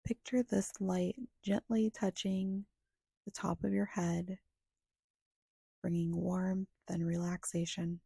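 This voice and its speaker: A woman guides a meditation in a soft, husky, breathy voice that often drifts into a whisper. Her lowish voice stays level as she speaks very slowly and evenly, leaving long pauses between short, soothing phrases. There is no echo.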